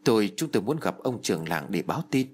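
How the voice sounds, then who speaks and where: A man's voice: fairly low pitch, big pitch swings, fast, husky. A man voicing an anxious young village man who speaks hesitantly and stumbles over his words. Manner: hesitant, stammering.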